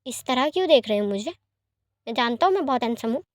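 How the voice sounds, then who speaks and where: A woman's voice: on the high side, animated, no echo, studio quality, lightly acted. A woman voicing a doting, teasing young man who speaks fondly and reassuringly, in a fan-fiction story reading. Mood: soothing. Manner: fond and reassuring, sometimes quick.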